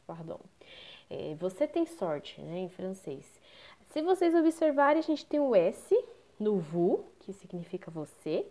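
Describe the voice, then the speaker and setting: A woman's voice: fairly high pitch, dark tone. A woman with a Brazilian Portuguese accent, explaining French pronunciation rules as a teacher and answering her own questions. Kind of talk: pronunciation lesson.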